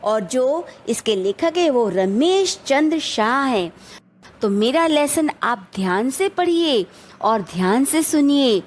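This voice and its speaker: A woman's voice: high-pitched, lively intonation, takes it slowly, slight background noise. A woman teacher explaining a children's poem to young pupils, going over word meanings and asking viewers to answer questions in the comments.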